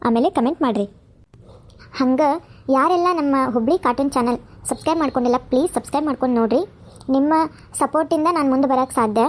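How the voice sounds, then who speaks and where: North karnataka woman pleading with viewers, fairly high voice. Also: darkish tone. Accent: North Karnataka Kannada. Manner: earnest, pleading. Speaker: cartoon channel narrator. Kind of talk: channel outro appeal.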